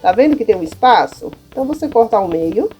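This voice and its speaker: With soft music behind her, a Brazilian primary school teacher talks quickly in a warm, sing-song, mid-range voice shaped by her Brazilian Portuguese accent. It's an easygoing how-to session where she chats through classroom material and frequently checks on her listeners.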